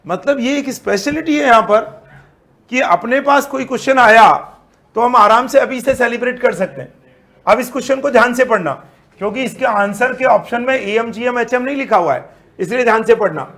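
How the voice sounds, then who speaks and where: Man, high-pitched coaching-class lecturer, mixes in English terms. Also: a little fast. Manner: animated, asks and answers his own questions. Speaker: CA Foundation statistics teacher. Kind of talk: recorded online class lecture.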